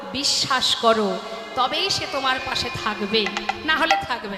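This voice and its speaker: A woman preacher and kirtan singer giving a devotional sermon, urging the audience and breaking into chants. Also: sits high. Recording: echoey hall with loud music.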